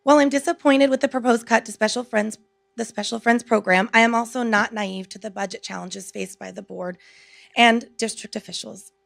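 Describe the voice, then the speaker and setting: A woman, a teacher, reading a prepared public speech in an earnest, measured, articulate way. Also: on the high side, steady tone, vocal fry, no room sound. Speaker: teacher speaking at a school board meeting. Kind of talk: prepared speech read aloud.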